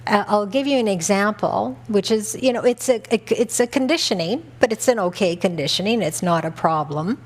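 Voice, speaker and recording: A middle-aged woman from North America speaks as a spiritual teacher at a retreat. Her delivery is gentle and conversational, unhurried and reflective, with small restarts as she thinks aloud. Her voice sits in an ordinary middle register for a woman. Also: mid-range voice. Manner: gentle and conversational, with soft laughs and easy restarts.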